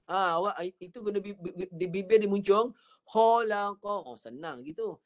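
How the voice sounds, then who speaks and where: A man with a Malaysian Malay accent teaching Quran recitation online, patiently coaching a student and slowly demonstrating each sound. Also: high-pitched. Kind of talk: online Quran reading lesson.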